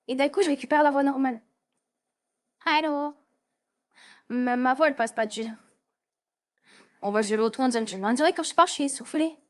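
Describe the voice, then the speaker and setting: A woman in her twenties chatting casually on a livestream, playfully echoing lines back and forth. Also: on the high side. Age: 20s.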